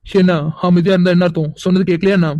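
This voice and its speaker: A man's voice: high-pitched, level tone, rapid-fire, dark tone, lightly acted. A man voicing a young sidekick in a cartoon who eagerly backs up his friend. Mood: goading. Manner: goading, agreeing. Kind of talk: cartoon voice acting.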